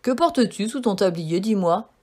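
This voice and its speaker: A woman reading a storybook and voicing a cunning, hungry male wolf in a low, drawn-out, sly voice. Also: animated, a little mellow, close to an everyday voice.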